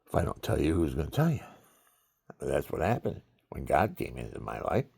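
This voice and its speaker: An older man rambles through personal stories in a chatty monologue, speaking straight to his viewers and acting out the voices of people he quotes. His low voice is mellow and husky, with vocal fry.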